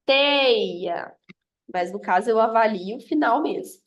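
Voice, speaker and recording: Woman teacher, fairly high voice, patient step-by-step explaining. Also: expressive, a little fast, lo-fi sound. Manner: explanatory, checks in with "ok?" often. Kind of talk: grammar lesson review.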